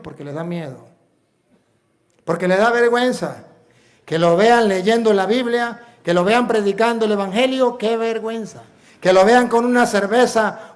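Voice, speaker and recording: A Venezuelan priest preaching a sermon in an emphatic, repetitive way, full of rhetorical questions. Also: male voice, high-pitched. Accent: Venezuelan Spanish.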